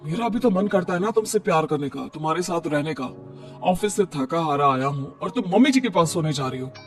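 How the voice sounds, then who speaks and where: A man's voice: on the high side, lively intonation, brisk, faint music behind. Man playing a sulky young husband. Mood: pleading. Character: sulky young husband, tired office worker.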